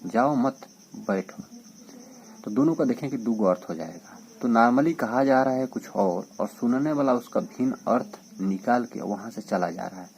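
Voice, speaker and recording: A man's voice: mid-range voice, expressive, moderate pace, few pauses, a little mellow, muffled recording, a little hiss or hum. A man teaching a casual exam-prep lesson. He reads out definitions and verses, then explains them with lots of repetition and fillers. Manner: explains by repeating and reading out definitions, frequent fillers.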